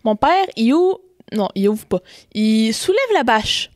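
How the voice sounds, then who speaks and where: Young Québécoise co-host, slightly high voice, halting storyteller, dry mic. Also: female voice, sing-song, no echo. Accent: Québécois French. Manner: hesitant, many restarts, laughs easily. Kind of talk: casual chat.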